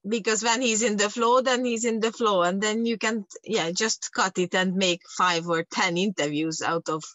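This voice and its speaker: A woman's voice: mid-range voice, steady tone, moderate pace, a bit bright, no room sound. A woman in casual chat, explaining her plans at length and repeating her points.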